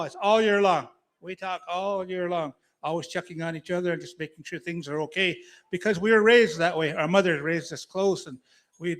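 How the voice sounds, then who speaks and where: A man emceeing a powwow, making informal announcements and repeating key phrases. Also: sits high.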